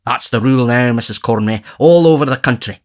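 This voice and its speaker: A man voicing a pompous, self-important middle-aged parish beadle in an audiobook, lecturing loudly. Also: medium pitch, brisk, voice pushed up, natural voice. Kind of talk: audiobook character voice.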